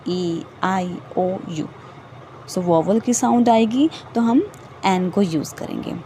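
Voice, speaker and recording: A woman explains grammar at a very slow, unhurried pace. Her voice is mellow and soft. She repeats each example patiently and keeps asking the viewer simple questions, with a faint hum underneath. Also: medium pitch, rough recording. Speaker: English grammar teacher. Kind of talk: slow explanatory lesson mixing Hindi and English.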